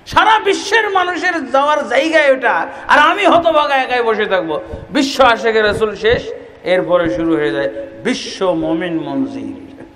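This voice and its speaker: A male preacher from Bangladesh delivering an impassioned sermon to a large outdoor gathering, shouting at its peaks with mocking asides. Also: extremely high pitch, expressive, moderate pace. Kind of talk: fiery sermon at an open-air gathering. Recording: echoey loudspeaker sound with long reverb.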